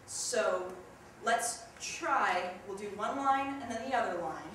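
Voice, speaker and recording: A woman's voice: mid-range voice, animated, slow. Young woman, theatre workshop leader, chatty, demonstrative, distant mic, very echoey room, noisy recording. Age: young adult. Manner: chatty, demonstrative, jumps into loud yelled examples. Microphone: distant camera mic.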